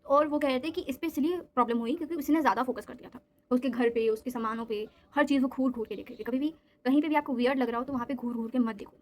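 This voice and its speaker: Fast-talking high-voiced young woman. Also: a little hiss or hum. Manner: animated, switching into English phrases. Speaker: storyteller. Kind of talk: casual storytime vlog.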